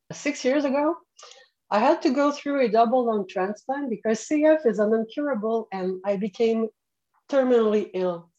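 On a slightly dull, narrow-band recording, a podcast guest who is also a patient partner, a woman in her late forties with a French Canadian accent, replies earnestly in a warm, somewhat high voice.

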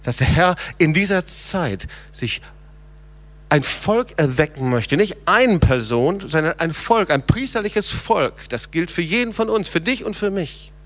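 A middle-aged man preaching a sermon, moving between quiet low passages and raised, urgent calls. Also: expressive, measured pace.

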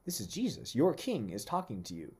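A man preaching in a podcast sermon who talks in an animated way, throws in playful asides and slows down to read scripture. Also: medium pitch, husky. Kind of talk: sermon-style podcast teaching.

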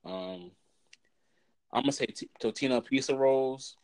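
A man's voice: mid-range voice, measured pace, clear, resonant tone, no echo. A man with an American accent hosting a casual, profane chat full of slang, talking as if among friends. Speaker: podcast host.

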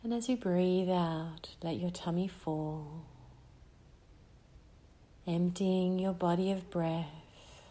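A woman leading a guided breathing meditation, speaking in a slow, soothing way with long pauses between phrases. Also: fairly low pitch, dark tone.

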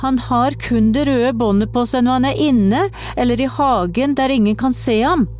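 A woman's voice: mid-range voice, warm tone, faint music behind, voice pushed up, lightly acted. A woman reading the lines of a bold, suspicious young boy in a children's storybook. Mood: stern. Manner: eager, then stern and accusing.

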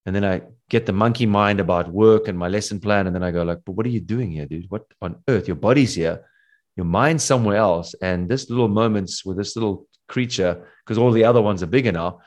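A man's voice: fairly low pitch, brisk, a little mellow. A man in his forties hosting a podcast, talking earnestly and philosophically about parenting and being present. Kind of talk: reflective casual chat.

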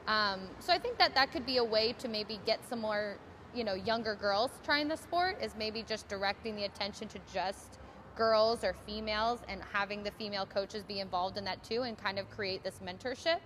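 A woman's voice: medium pitch, normal speed, a bit bright, a little hiss or hum. A woman in her twenties, a tennis coach, answering interview questions in a casual way with many fillers. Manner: casual, many ums and you-knows.

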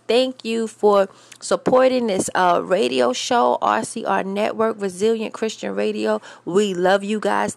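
Gravelly-voiced, upbeat woman radio host. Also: mid-range voice, no echo. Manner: lively, playful, and prone to laughing.

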